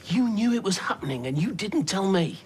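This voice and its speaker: A woman's voice: mid-range voice, very animated, a little fast, darkish tone, close to an everyday voice. An actress playing a bitter, grieving mother in a TV soap, cutting and sarcastic. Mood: accusing. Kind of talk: television soap drama.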